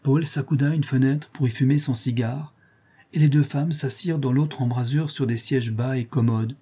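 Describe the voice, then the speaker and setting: Man with a mellow, husky voice. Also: mid-range voice, steady tone, normal speed. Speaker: audiobook narrator. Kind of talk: scripted narration of a novel.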